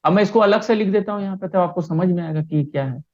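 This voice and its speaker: Over a video call, a man teaches a primary school class online, speaking patiently and frequently checking that the children understand. His voice sits high and fast with a darkish tone, and the audio sounds dull.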